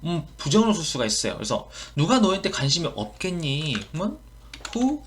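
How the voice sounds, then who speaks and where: Korean guy teaching english phrases, bit high voice, faint hiss behind. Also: very animated. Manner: explains phrases slowly, repeating English lines. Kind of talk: online English lesson.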